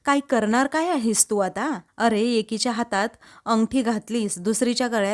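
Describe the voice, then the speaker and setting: A woman reading the lines of an angry young man who shouts accusing questions at his older brother. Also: on the high side, normal speed, close to an everyday voice. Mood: angry, reproachful.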